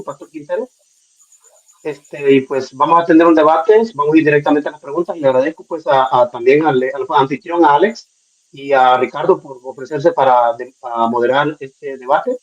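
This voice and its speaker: A man's voice: on the high side, lo-fi sound. A man, a preacher, speaking hesitantly with many fillers in an online debate. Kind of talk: debate participant.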